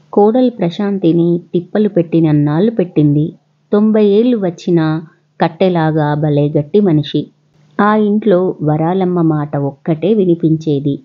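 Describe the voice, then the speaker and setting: Husky woman telling a children's story. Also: on the low side. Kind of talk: scripted narration of a children's story. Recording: dull lo-fi recording.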